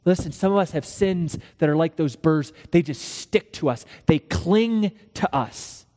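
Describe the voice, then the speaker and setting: A man preaching a sermon, walking through a scripture passage and acting out the dialogue in lively storytelling. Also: a little high, unhurried, in a large hall. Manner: animated storytelling with acted dialogue. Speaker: pastor.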